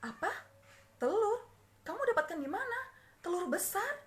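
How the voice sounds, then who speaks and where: A woman's voice: very high-pitched, big pitch swings, normal speed, voice pushed up. A woman voicing a caring older sibling in a told story, coaxing and anxious by turns. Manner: coaxing, then anxious and soothing.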